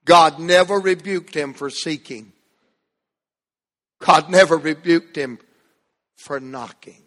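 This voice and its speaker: Male pastor, slow deliberate sermon cadence, reverberant church hall. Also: a little high, bright, forceful tone. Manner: emphatic preaching with dramatic pauses and falling phrase ends. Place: church sanctuary. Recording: long reverb of a large hall.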